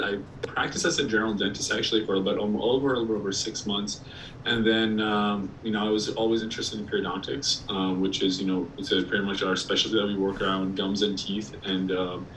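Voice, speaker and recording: An Iraqi periodontist, speaking as a guest, gives a casual presentation over a video call, slightly hoarse, clearing his throat, and full of ums and restarts. His voice is lowish with a fairly bright tone, picked up by a distant mic with faint background noise.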